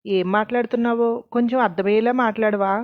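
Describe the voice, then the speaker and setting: A woman's voice: a little high, fairly even intonation, quick pace, dry recording, phone-quality sound, close to an everyday voice. A woman voicing a cheeky teenage younger sister in a storybook reading, with a teasing, chatty manner.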